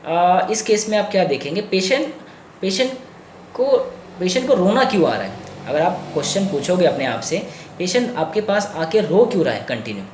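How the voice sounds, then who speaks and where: A man's voice: high-pitched, very animated, normal speed. Hesitant male doctor in an echoey room. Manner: hesitant, many fillers, mixes English into speech. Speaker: homeopathy doctor. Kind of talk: case lecture. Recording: echoey room with faint noise.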